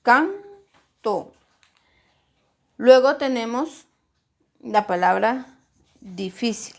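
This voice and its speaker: Woman schoolteacher, unhurried, a bit high-pitched, spells out syllables for young pupils. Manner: slow, deliberate, stresses syllables when modeling words. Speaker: primary school teacher. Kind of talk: recorded grammar lesson.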